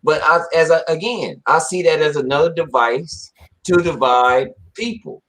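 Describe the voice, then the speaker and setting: Man, casual co-host, loud profane rants, mocking voices, higher pitch. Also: normal speed, low-quality recording.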